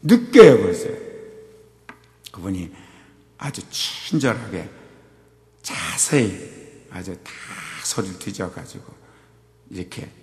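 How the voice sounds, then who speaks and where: Older man preaching with a gravelly voice. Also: low voice, big pitch swings, slow, long pauses. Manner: swings between quiet asides and loud acted outbursts. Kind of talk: sermon storytelling. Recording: long hall reverb.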